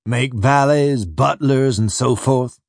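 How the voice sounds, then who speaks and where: A man voicing a courteous, calculating slave buyer who drawls slowly and politely. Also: medium pitch, gravelly, dry recording, clean studio sound.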